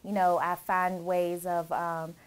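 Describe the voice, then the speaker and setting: A woman's voice: fairly low pitch, flat delivery, slow, clean tone. A woman in her thirties who grew up in Germany, cheerfully recalling her childhood in a chatty interview with lots of laughs and fillers. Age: 30s. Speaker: interviewee, bride-to-be. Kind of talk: relaxed interview answers.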